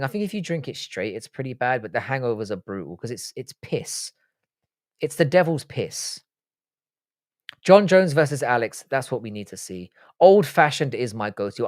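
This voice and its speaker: A young man hosts a live stream, fielding viewer questions with blunt, profane jokes. Born in Ireland and raised in the UK, he has a mid-range voice, captured dry with studio quality.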